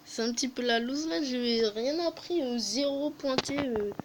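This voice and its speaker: A woman's voice: high voice, normal speed, slight background noise, rough recording. A woman hosting a casual game update review, hesitant, with many fillers and self-corrections and jokey self-mocking asides. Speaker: gaming video host.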